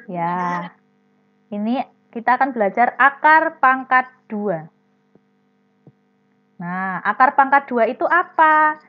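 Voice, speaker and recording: A woman's voice: on the high side, animated, slow pace, pauses often. A woman teaching a primary class online, explaining step by step and calling on students by name. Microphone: video call. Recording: dull lo-fi video call audio.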